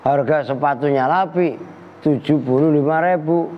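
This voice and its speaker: A man's voice: a little high, normal speed. A man teaching an Islamic kitab class, joking and teasing his students by name. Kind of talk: Islamic lesson. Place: pesantren hall. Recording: lo-fi roomy hall recording.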